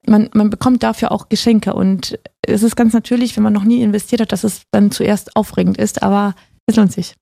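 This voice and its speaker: Fast-talking gravelly woman. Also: medium pitch, steady tone, warm tone, no echo, studio quality. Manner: enthusiastic storyteller, says "genau" a lot. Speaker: podcast guest, investor. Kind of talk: casual radio interview.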